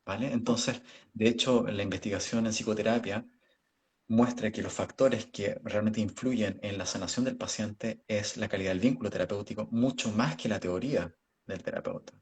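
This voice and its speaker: A middle-aged man with a Chilean accent explains his field in a measured way, stopping often to check he is followed. His voice is low and has a gravelly edge. He is heard over a video call. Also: steady tone. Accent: Chilean Spanish. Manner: measured, explains with examples and rhetorical questions. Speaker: clinical psychologist guest. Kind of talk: explanatory interview answers.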